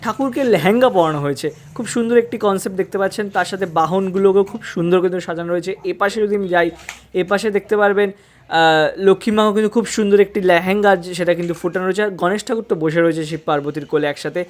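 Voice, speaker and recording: A man's voice: high-pitched, racing. A man giving walking-tour commentary, talking directly to his viewers in a chatty, admiring way. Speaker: vlogger touring puja pandals. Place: outdoors and inside festival pandals.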